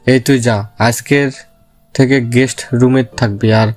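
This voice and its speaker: A man's voice: medium pitch, steady tone, measured pace, a little mellow, faint music behind, natural voice. Man playing Ratul, a vengeful threatening man. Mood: contemptuous. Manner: threatening, contemptuous. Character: hostile vengeful brother-in-law.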